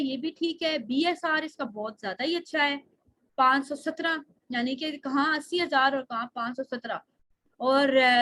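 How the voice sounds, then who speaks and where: High-voiced woman teaching an online class. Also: fairly bright tone, low-quality recording. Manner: patient explaining, frequent checks of "theek hai", asks class questions. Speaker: online course instructor. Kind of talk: screen-share lesson.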